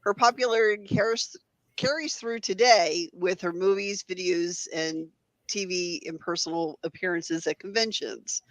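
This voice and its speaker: A woman's voice: fairly low pitch, moderate pace, no room sound, poor audio. A woman presenting clips on a casual talk show, mixing loose chat with prepared notes. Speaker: guest presenter of horror-host clips.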